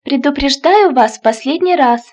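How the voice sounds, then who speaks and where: Female phrase reader, high voice, measured delivery. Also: animated, darkish tone. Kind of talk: phrasebook reading.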